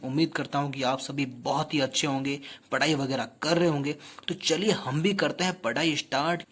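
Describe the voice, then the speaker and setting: Male tutor with a slightly husky voice, explaining patiently and quizzing the class. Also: fairly high pitch, fairly bright tone. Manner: explanatory, addresses students directly with rhetorical questions. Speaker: teacher. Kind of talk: exam-prep lecture.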